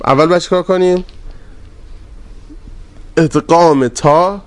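A man teaching a grammar class, drawing out word forms slowly and asking his students questions. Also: a little high. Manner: drawn-out repetition of word forms, quizzing students; polite and deferential to the class leader.

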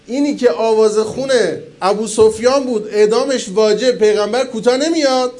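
Male cleric with a high-set voice, giving a sermon, climbs to loud emphatic peaks, then drops to quiet asides. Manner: colloquial, rhetorical questions to the audience. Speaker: cleric preacher. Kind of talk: religious sermon.

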